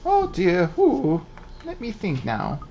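A man's voice: sits high, huge pitch swings, slow, mellow, muffled recording, a little hiss or hum, voice pushed up, exaggerated voice. A man voicing a fussy old shopkeeper lady who hoots like an owl. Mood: prim. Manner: prim, hooting.

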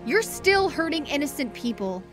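A woman plays a fiery lady fox inspector with a high voice. She is stern, indignant and quick to scold, in a comic dub with music underneath. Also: very animated. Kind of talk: fan-dub comic acting.

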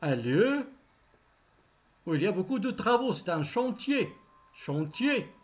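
A man teaching French reading, who says each word slowly two or three times and gives short simple explanations between the drills. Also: high-pitched, big pitch swings. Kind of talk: slow, drilled pronunciation lesson.

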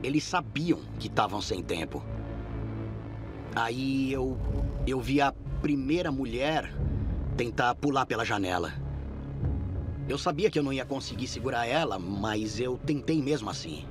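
A man with a Brazilian accent voicing an earnest sheriff's deputy in his thirties, in measured documentary interview narration. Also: medium pitch, animated, music in the background, close to an everyday voice. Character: earnest male sheriff's deputy recounting a rescue.

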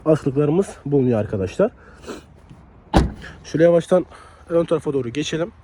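A young man with a slightly hoarse voice from a cold, chatting casually as he walks around a car outdoors and reviews it, often dropping a filler word. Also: fairly high pitch, lively intonation, fairly quick, background noise. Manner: chatty, leans on the filler "hani".

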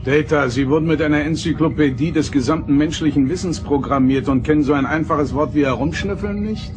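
An actor playing an authoritative, composed starship captain in a science-fiction radio play, firm and articulate. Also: male voice, fairly high pitch, brisk, lightly acted. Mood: dry, explaining. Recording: radio play with loud music underneath.

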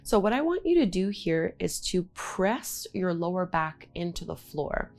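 A soothing female yoga instructor talks a class through gentle practice. Her voice sits a little low and has a noticeable creak. She gives clear, gentle instructions with music playing behind her. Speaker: yoga teacher. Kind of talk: guided yin yoga instruction. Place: indoor home studio room, seated and lying on a mat.

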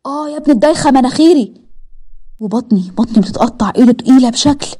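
A brash young joker with an Egyptian accent, as a woman reads him, full of cocky banter. The delivery is fast and husky, with a mellow tone. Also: high voice. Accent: Egyptian Arabic.

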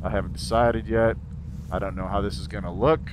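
A man's voice: lowish voice, steady tone, brisk. A man talking inside a helmet, casually narrating as a vlogger while he rides a motorcycle. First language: English. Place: outdoors on a motorcycle in city traffic. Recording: road, wind and vehicle noise. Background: traffic and motorcycle ride noise.

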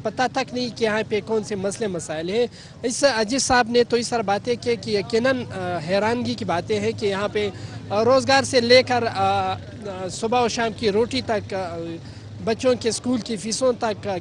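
A man's voice: sits high, slight background noise. A man, working as a street reporter and asking passers-by formal questions, with many "uh" fillers. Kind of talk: vox pop interviewing.

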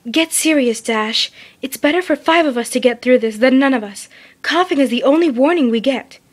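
A woman's voice: high-pitched, normal speed, pitched above the performer's own voice. A woman reads as a stern female unicorn pony with a raised, firm voice. She reasons insistently, like a leader, in a fan story reading.

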